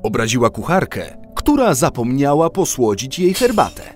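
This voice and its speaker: A man reading a fairy tale aloud as a storyteller, in an expressive storybook manner. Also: mid-range voice, moderate pace, faint music behind.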